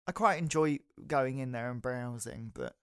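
Young British male podcast co-host, mid-pitched, rambling and enthusiastic, close dry recording. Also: normal speed, a bit bright, smooth, no room sound. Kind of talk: casual comic chat.

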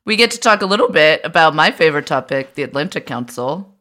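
A woman co-hosting a podcast in casual chat, teasing her co-host and quick to laugh. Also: low voice, lively intonation, a bit bright.

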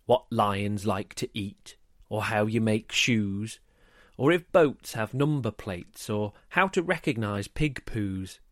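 A man narrating a rhyming children's story in a lively, expressive way. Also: medium pitch, dry recording, clean studio sound.

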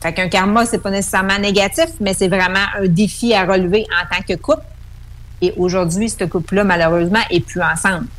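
A woman's voice: mid-range voice, fairly even intonation, fairly quick, fairly bright tone. A woman with a Québécois accent, calling in over the phone as a radio guest and explaining at length with fillers and restarts. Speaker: numerology guest.

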